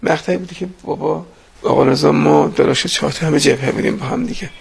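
A man's voice: on the high side, creaky, husky. A man recalling his brothers in the war, telling the story and quoting his family. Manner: storytelling, quotes family members. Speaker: brother of fallen soldiers. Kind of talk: emotional interview recollection.

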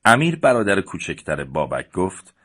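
A man narrating a story as an audiobook. He reads plainly and raises his voice for the characters' lines. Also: huge pitch swings. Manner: reads plainly and shifts up in pitch and loudness for the characters. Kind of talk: audiobook narration voicing the dialogue.

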